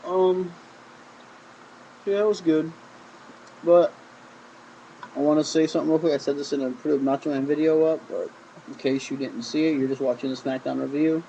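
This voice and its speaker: A man's voice: on the high side, steady tone, normal speed, gravelly, pauses often, dark tone, muffled recording, a little hiss or hum. A man giving a casual, rambling review of a wrestling show, often repeating "I mean". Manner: rambling, with frequent "I mean" and restarts.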